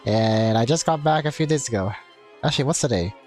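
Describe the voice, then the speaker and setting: This livestreamer chats casually and reads the game's text aloud in a rambling manner, with game music behind him. He's a man with a medium-pitched, darkish voice, lively intonation and a fairly quick pace.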